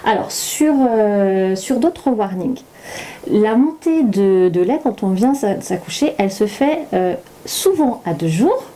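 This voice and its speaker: Mellow-voiced woman explaining patiently. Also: mid-range voice, lively intonation, takes it slowly. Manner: warm, hesitant with many fillers and restarts. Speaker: guest, child development specialist. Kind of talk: explanatory interview talk.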